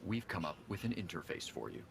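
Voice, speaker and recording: Deep, wry game narrator. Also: male voice, sing-song, fairly quick, gravelly, heavily acted. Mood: dry. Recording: faint game audio under noise.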